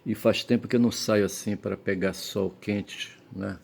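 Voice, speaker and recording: Gravelly, low-voiced hungover man from Brazil. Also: fairly even intonation, darkish tone. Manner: halting, repeatedly checks with tag questions. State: hungover, tired. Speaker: vlogger giving commentary. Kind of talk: rambling casual monologue.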